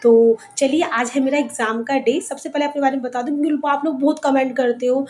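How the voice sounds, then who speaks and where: A young woman from Bihar, India, chats through a casual vlog while walking an outdoor village road, sometimes out of breath and often repeating words as she thinks. Her high voice is steady and darkish, a little fast, with slight background noise.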